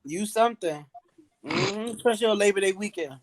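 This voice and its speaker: A woman from Brooklyn chatting on a podcast, telling animated stories and laughing often. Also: mid-range voice, a little fast, crowd noise. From Brooklyn, New York. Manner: animated storyteller, laughs and plays voices. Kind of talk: casual chat. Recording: noisy recording.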